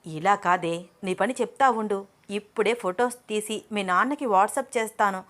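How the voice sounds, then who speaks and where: A woman's voice: medium pitch, normal speed, close to an everyday voice. A woman voicing nosy, blustering young cousin. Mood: accusing. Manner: loud, accusing.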